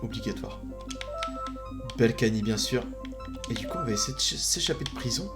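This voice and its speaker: A man's voice: mid-range voice, lively intonation, normal speed, over loud music. A man doing casual live gaming commentary as a streamer, with a jokey, mock-grand manner and muttered asides. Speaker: video game streamer.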